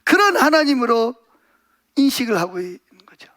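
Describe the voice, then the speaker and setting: A male pastor delivering a Sunday sermon in a strikingly high voice. He preaches with animation, acting out scenes in other voices and calling out questions to his listeners. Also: normal speed. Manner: animated, acts out voices and asks the congregation questions.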